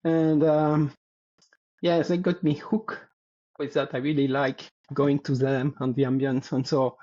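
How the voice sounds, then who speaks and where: This guest athlete from France, about sixty years old, has a French accent and a mellow, dark voice pitched slightly high, held at a level tone. In relaxed interview talk he hesitates, hunts for words, and laughs softly, on a slightly dull, lo-fi recording.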